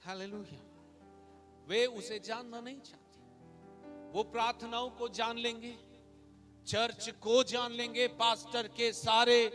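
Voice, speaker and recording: High, bright-voiced preaching pastor. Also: male voice. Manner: preaching with rising shouted emphasis and repeated hallelujahs. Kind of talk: Hindi sermon with English phrases.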